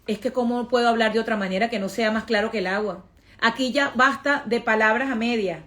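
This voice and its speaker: Talking casually to her followers, this Venezuelan-accented vlogger and influencer films a get-ready-with-me monologue. Her voice is a little high, a little fast, and a bit bright, and she stresses points by repeating phrases.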